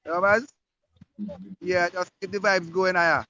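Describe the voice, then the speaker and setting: A man's voice: sits high, steady tone, normal speed, sharp tone. A man, calling in and chatting casually, keeps saying "you know, guys". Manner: Rastafarian phrasing, repeats "you know, guys". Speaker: caller. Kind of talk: casual chat. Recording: muffled call audio with faint noise.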